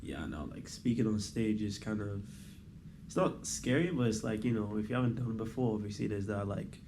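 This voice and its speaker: A young man appears as a guest and program member, giving a casual interview testimonial. He talks in a laid-back, rambling manner full of "like" and "you know," with a lowish, expressive voice and a brisk pace. Background noise comes through clearly.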